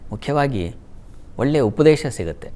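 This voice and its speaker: Reading out the day's horoscope, a Kannada-accented male astrologer with a mid-range voice and lively intonation slowly chants Sanskrit verses. His sentences drop away to a gentle hush.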